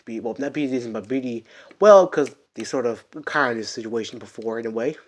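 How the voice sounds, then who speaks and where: Rambling man improvising a story. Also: mid-range voice. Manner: rambling, halting, many restarts and fillers.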